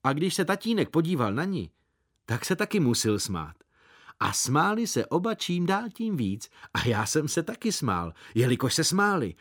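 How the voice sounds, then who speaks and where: A man reading a story aloud as narrator, in lively, measured storytelling. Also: a little high. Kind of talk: scripted narration.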